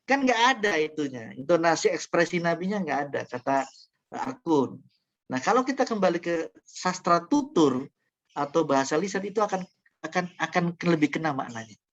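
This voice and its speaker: A man's voice: fairly high pitch, animated, moderate pace, a bit bright. A male university lecturer giving a classroom lecture, explaining through examples with frequent fillers and restarts. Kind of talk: classroom lecture on Quran interpretation. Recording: dull lo-fi classroom recording.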